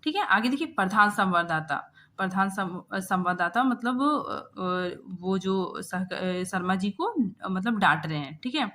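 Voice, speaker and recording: Woman teacher, young adult, clear bright tone, explains line by line, keeps asking if students follow. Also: medium pitch, measured pace. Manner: keeps checking with a tag question. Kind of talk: explaining a textbook chapter.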